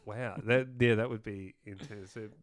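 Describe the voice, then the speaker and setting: In a podcast studio, an Australian man who co-hosts and serves as quizmaster banters casually with a mate in a teasing, blokey way. His voice is fairly low and steady at a normal speed, with slight background noise.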